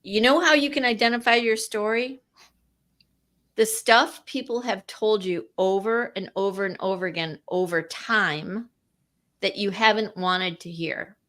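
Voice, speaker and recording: A woman's voice: medium pitch, measured pace, fairly bright tone. A woman co-hosting a podcast, talking casually and animatedly, acting out quoted lines as she explains. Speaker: co-host. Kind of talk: conversational podcast talk.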